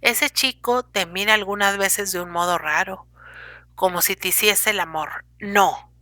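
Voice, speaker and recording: A woman's voice: medium pitch, measured pace, sharp tone, dry recording. A woman voicing an ailing older husband who scolds and pleads with his young wife, in an audiobook reading. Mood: lecturing. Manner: lecturing, complaining, pleading.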